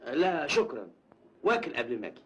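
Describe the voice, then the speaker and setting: Stiff egyptian guy, short sharp lines, quick. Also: medium pitch, very animated, a little hiss or hum. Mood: suspicious. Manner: curt, suspicious. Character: jealous stiff young fiancé.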